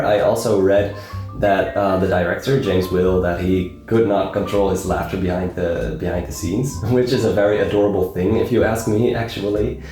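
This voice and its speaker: A man's voice: sits low, darkish tone. A young man casually talking about films, rambling with many fillers and repeated words. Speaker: film review vlogger. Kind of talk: casual film talk. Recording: very echoey room.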